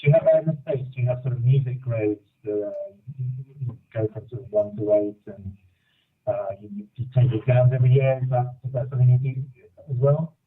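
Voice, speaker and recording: A man's voice: medium pitch, a little fast. Faint man on a phone held away. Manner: hesitant, asks back. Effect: phone held away, faint and breaking up. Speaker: band member interviewed. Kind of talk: casual interview answers. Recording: tinny distant phone line.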